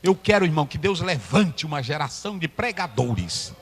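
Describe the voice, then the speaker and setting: A man preaching a sermon as a pastor, breaking into loud shouted climaxes. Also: fairly high pitch, big pitch swings, moderate pace, husky. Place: church hall. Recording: echoey church hall, long reverb.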